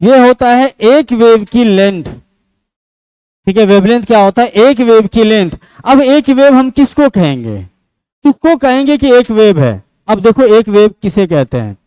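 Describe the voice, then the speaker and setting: High, clear-voiced male teacher. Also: very animated, unhurried, dry recording, rough recording. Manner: asks and answers his own questions; switches between loud and soft speech. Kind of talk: classroom physics lecture.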